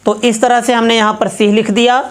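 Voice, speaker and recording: A woman's voice: on the high side, little pitch movement, fairly quick. A woman teaching Sanskrit grammar, walking through each step methodically and repeating herself as she works an example.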